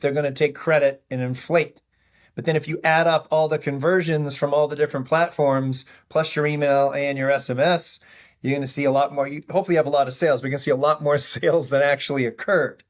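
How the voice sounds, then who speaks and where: Man with a Maine accent, relaxed. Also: on the high side. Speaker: guest, company founder. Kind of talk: podcast interview.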